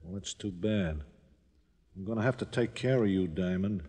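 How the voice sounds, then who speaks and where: A man's voice: low-pitched, moderate pace, dark tone, husky. An actor playing a tough male crook in a 1940s radio crime drama, terse and slangy. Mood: menacing. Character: tough male crook in hiding, curt and menacing.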